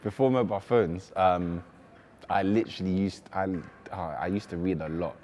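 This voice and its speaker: Deep-voiced casual young man. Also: normal speed, a little hiss or hum. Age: 20s. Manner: relaxed, chatty, frequent "um" and "like". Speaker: university student interviewee. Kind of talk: casual interview answers.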